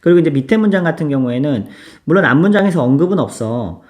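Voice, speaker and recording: A man teaching English grammar in a casual, chatty lecture, switching between relaxed and polite speech and asking students to repeat examples. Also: fairly high pitch, fast talker.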